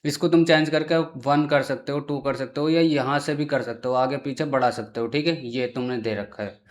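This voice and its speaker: A man's voice: medium pitch, steady tone, moderate pace. A man hosting a casual screen-recorded tutorial, chatty and often checking in with the viewer. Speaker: tutorial host.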